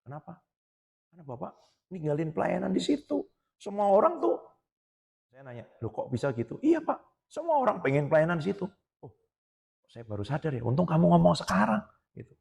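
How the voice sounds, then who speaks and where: A man preaching a sermon as a pastor, telling stories and quoting people in lively voices. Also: fairly high pitch, fairly quick, gravelly, pauses often. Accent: Indonesian. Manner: animated storytelling, quoting others in voices. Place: church hall. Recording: long reverb of a church hall.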